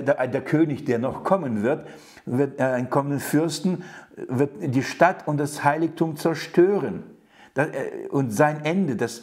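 A man's voice: mid-range voice, darkish tone. A man preaching an earnest Bible teaching, speaking emphatically with frequent restarts and fillers and putting questions straight to his listeners. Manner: addresses listeners directly with questions. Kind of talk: sermon-style Bible teaching.

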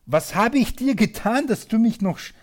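Man doing a female donkey, meek, plaintive, high squeaky voice, bible story. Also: expressive, normal speed. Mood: hurt, pleading.

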